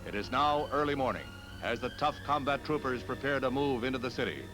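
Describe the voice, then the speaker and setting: A man's voice: mid-range voice, a little fast. A man giving grave, dramatic announcer narration for an old 1960s archival newsreel. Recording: narration over loud newsreel music.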